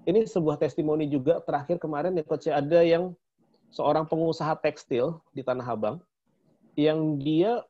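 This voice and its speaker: A man's voice: on the high side, moderate pace, dark tone. A man co-hosting a casual promotional chat about a training, chatty and laughing often. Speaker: co-host of a training talk. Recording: dull lo-fi sound.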